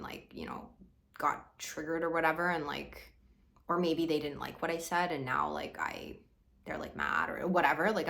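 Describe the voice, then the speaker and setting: Talking to camera in a relaxed monologue, this young business coach from Hong Kong fills her speech with "like" and frequent light laughter. Her voice sits on the low side, gravelly yet fairly bright.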